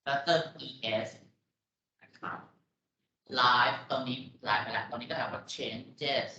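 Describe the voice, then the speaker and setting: A man's voice: medium pitch, fairly even intonation, slow, bright, forceful tone, slight background noise. A man with a Thai accent teaching English pronunciation in a lecture, patiently explaining and repeating words. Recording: echoey room, dull lo-fi audio.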